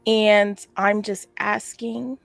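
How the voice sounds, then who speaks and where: A woman player in a casual tabletop game, talking in an animated, excitable way. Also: mid-range voice, very slow, gravelly, no room sound. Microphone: headphones with mic.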